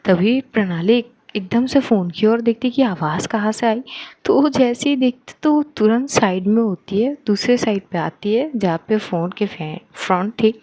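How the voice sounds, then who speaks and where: A woman's voice: mid-range voice, normal speed, warm tone, dry recording. A woman narrating a romance story in a casual, chatty way.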